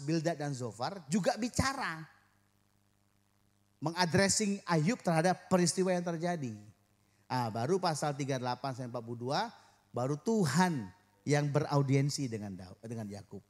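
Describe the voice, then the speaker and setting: A man preaching a sermon as pastor to his church, joking with the congregation and acting out quoted voices. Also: on the high side.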